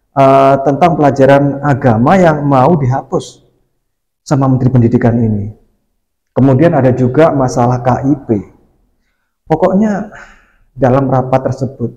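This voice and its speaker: Mellow man in a reverberant hall. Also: medium pitch. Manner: measured, explanatory listing of issues. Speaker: commentator. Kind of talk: spoken news commentary.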